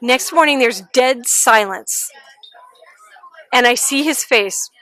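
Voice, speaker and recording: Animated woman, high bright voice, chatty storytelling, laughs a lot. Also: slow. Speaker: interviewee, pet owner. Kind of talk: casual storytelling interview. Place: outdoor adoption event.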